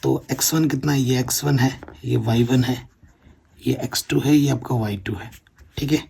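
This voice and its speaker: A male maths teacher works through exam problems step by step and keeps checking that his students are following. His voice is gravelly and a little husky. He sits at a middle pitch for a man. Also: steady tone, moderate pace, dark tone. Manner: explains step by step, keeps checking with "theek hai na". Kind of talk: board-exam maths lesson.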